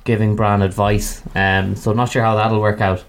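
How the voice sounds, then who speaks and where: A man's voice: fairly low pitch, level tone, moderate pace. A man with a west of Ireland, Galway accent, co-hosting a podcast in casual fan chat. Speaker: podcast co-host.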